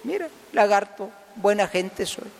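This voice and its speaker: Cunning she-alligator from a fable, smug trickster, man doing the voice, high and animated. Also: a little slow, creaky, full character voice. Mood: wheedling. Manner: wheedling, then smug. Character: sly talking female alligator, deceitful predator. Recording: long reverb of a hall.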